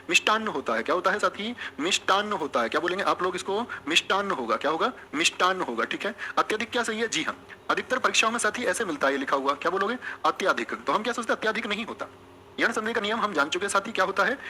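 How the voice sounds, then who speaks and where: A man's voice: sits high, pushed and bright, a little hiss or hum. A male teacher giving an exam coaching lesson, drilling students with repeated questions and answers and calling them friends and brothers. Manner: addresses listeners as friends and brothers. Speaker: Hindi teacher.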